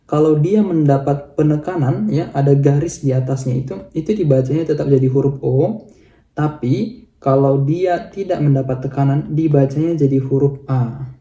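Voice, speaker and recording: A man giving a casual, chatty video lesson to viewers, speaking in a relaxed way. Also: a little high, moderate pace, reverberant, lo-fi sound. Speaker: language teacher.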